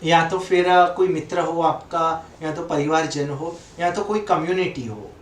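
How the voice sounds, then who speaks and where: A man teaching and leading a guided meditation, speaking calmly and gently in drawn-out phrases with long pauses. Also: fairly high pitch. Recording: echoey room, voice from far off.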